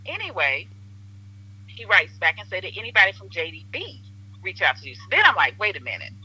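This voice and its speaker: A woman's voice: fairly low pitch, brisk, breathy edge, poor audio. A woman from Southern Illinois, a podcast guest telling stories in casual chat, acting out the quotes and laughing often. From Southern Illinois, USA. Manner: animated storyteller, acts out quotes, laughs often.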